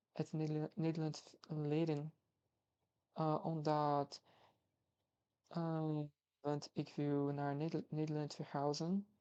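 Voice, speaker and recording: The speaker is a young Brazilian man of 21 whose Brazilian Portuguese accent comes through as he practices foreign languages on a casual vlog. He sounds a little high, dark, and clean, though the recording is muffled, and he hesitates with frequent fillers and restarts.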